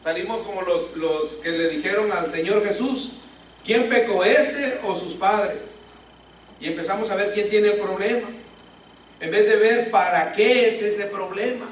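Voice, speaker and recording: A man's voice: high-pitched, normal speed, a little hiss or hum. A man preaching a sermon, pressing his points with rhetorical questions. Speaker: pastor. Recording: echoey hall, speaker far from mic.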